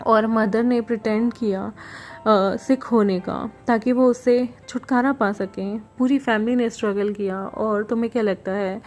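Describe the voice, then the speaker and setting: A woman's voice: a little high, fairly even intonation, unhurried, darkish tone. Woman retelling a story over music. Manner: plain conversational retelling with English words mixed in. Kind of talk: retelling a fan fiction story.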